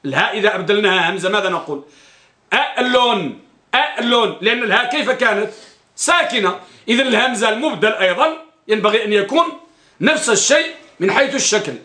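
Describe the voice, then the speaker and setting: This man's high, animated, pushed and bright voice races along in an echoey room. He's lecturing an Islamic studies class on a hadith text, asking his students questions he then answers, and repeating key phrases.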